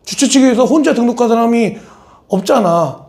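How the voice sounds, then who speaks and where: High, gravelly-voiced male pastor. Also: moderate pace. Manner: animated, mixes polite and blunt speech, addresses listeners directly. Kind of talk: casual conversational sermon. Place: church service.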